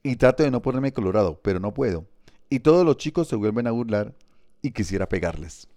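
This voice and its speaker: A man narrating an audiobook in a measured, vivid storytelling manner. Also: fairly low pitch, animated, a little mellow, no echo, clean studio sound.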